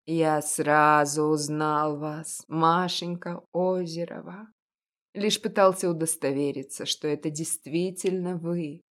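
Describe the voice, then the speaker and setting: A kindly old male confectioner, grumbling yet gentle, as a woman reader puts him on. The voice is pushed low, gruff and slow, coaxing and reassuring. An audiobook reading. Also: steady tone.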